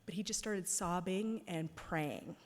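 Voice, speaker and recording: A woman's voice: on the low side, a little slow. Chatty woman in a reverberant church. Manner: chatty, with many "like" and "um" fillers. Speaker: guest speaker at a parish. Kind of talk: casual storytelling talk. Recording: long reverb of a large hall.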